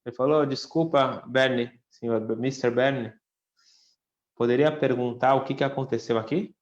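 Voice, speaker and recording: A man's voice: mid-range voice, steady tone, normal speed, lo-fi sound. Man telling a story in an echoey room. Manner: acts out the quoted lines with a lifted voice. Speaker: rabbi. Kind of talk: storytelling talk.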